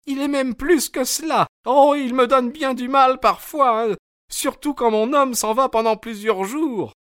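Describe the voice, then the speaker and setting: A man voicing a loud, worried working-class boatman's wife in an audiobook, chattering and fretful. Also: very high-pitched, unhurried, smooth, dry recording, clean studio sound, voice pushed up. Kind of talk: audiobook character voice.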